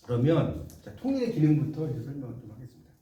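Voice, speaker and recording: A man's voice: medium pitch, sing-song, fast talker, mellow, far from the mic, dull audio. A middle-aged man teaching a class, dictating notes, repeating key phrases and checking whether his students follow. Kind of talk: classroom lecture. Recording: echoey room, voice from off-mic.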